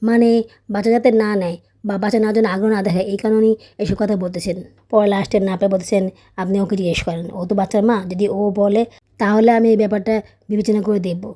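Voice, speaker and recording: Fast, mellow-voiced woman vlogger. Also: medium pitch, fairly even intonation. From Bangladesh. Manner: chatty, storytelling, often adds tag questions; raised, scolding teacher voice when tutoring her child. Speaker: vlogger, mother. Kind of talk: casual voice-over narration.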